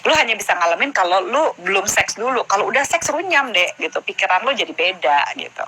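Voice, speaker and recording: A woman's voice: medium pitch, very animated, brisk, heavy background noise. A woman, a guest in a casual live stream chat, explaining frankly and acting out conversations with her daughter. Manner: frank, explanatory, acts out dialogue. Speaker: guest, mother of a teenage daughter.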